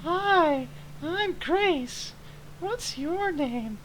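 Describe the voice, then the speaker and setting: A man voicing a cheerful, childlike little girl talking doll in a sing-song falsetto, for a video game playthrough. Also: expressive, extremely slow, a bit bright, slight background noise, exaggerated voice, rough recording. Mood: sweet, inviting.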